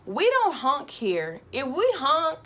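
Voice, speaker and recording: A young woman vlogger telling a casual, animated travel story, full of fillers. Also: high voice, takes it slowly.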